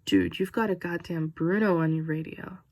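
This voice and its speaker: A laid-back, goofy young man, as a woman reads him, teasing his friend. The voice is low and gravelly. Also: big pitch swings, normal speed, a little mellow, no echo. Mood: joking. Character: goofy young male buddy, joking.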